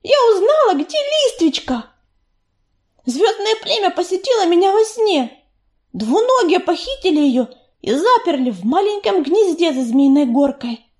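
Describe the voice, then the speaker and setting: A woman voicing a young female warrior cat from a storybook, hot-headed and stubborn, talking shrill and loud. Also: sing-song, unhurried, exaggerated voice. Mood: urgent pleading.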